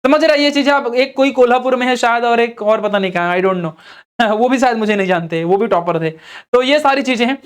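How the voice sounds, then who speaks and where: A man's voice: extremely high pitch, fairly quick, clear, resonant tone. A young man with an Indian accent, an online teacher giving earnest, coaxing study advice straight to his students. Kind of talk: motivational study advice talk.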